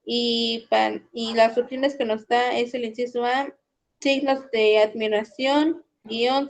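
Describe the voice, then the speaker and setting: Woman student, fairly high voice, careful halting reader. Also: a little mellow. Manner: careful, halting reading aloud. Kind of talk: reading aloud in class.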